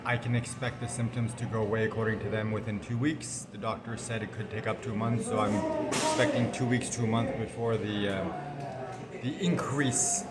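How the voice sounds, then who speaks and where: A man talking casually to camera in a rambling, self-deprecating, matter-of-fact way, recording indoors in a hospital corner. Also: fairly low pitch. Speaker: vlogger documenting cancer treatment. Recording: public indoor space, background chatter.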